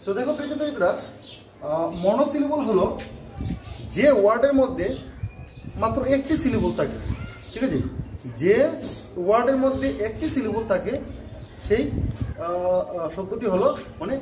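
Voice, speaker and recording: Male teacher, high voice, explaining grammar, repetitive with fillers, roomy echo, distant mic. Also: lively intonation, moderate pace, pauses often, a little mellow. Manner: repetitive, frequent filler "ah", checks "okay?". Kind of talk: grammar lesson explained in Bengali. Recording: roomy, distant mic, faint background noise.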